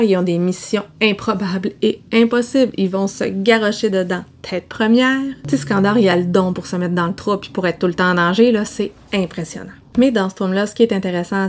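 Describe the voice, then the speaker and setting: A woman's voice: medium pitch, a little mellow. A young woman with a Québécois French accent, chatting animatedly to her viewers as she reviews books. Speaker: book vlogger. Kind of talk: casual book review.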